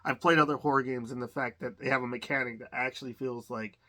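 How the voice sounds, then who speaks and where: This unboxing host has a bright, steady, medium-pitched voice and talks fast, hesitating and rambling as he thinks aloud through casual commentary for his collector's channel. He's under the weather and coughs now and then.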